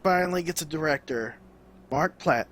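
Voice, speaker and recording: A man's voice: on the high side, normal speed, fairly bright tone. A man co-hosting a casual podcast, often stumbling and repeating words as he gets going. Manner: stammering, repeats words when starting. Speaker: podcast co-host.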